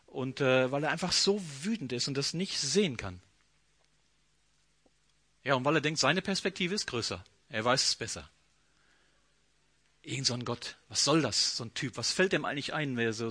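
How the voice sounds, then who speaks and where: A man preaching a sermon, telling the story with lively energy and acting out the inner voices of the characters. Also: medium pitch, moderate pace, long pauses, no echo.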